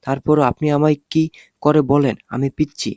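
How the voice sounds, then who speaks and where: A man's voice: on the high side, little pitch movement, normal speed, dark tone, no echo, studio quality, natural voice. A man voicing a feisty eighteen-year-old girl who protests indignantly. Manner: indignant, whiny.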